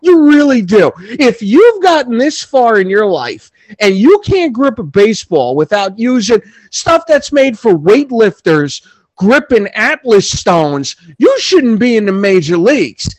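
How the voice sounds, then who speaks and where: A man with a fairly high voice arguing sports in a casual podcast chat. He is blunt and opinionated and swears freely. The sound is dry and close. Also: sing-song, unhurried, dry recording, poor audio. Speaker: podcast co-host.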